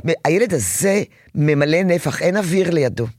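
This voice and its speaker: A woman giving parenting advice to a caller on a radio call-in show, animated and acting out children's pleading voices. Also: low voice, no echo, studio quality. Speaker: parenting advisor.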